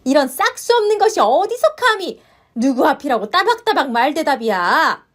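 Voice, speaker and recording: A woman's voice: high voice, animated, brisk. A woman voicing a domineering, scolding older mother-in-law with harsh, contemptuous reproaches in a narrated story. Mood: furious. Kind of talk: story narration with voiced roles.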